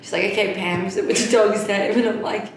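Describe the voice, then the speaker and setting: A woman's voice: medium pitch, fast talker. A woman co-hosting a casual chat podcast, telling stories with lots of giggles. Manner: giggly, animated storytelling. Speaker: podcast co-host. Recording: very echoey room, mic distant, faint hiss.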